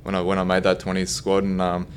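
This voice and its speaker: A man of twenty-five with a Queensland Australian accent, answering casually and a little haltingly as a rugby player on a podcast. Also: deep voice, completely flat delivery, slight background noise. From Gold Coast, Queensland, Australia. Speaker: professional rugby league player.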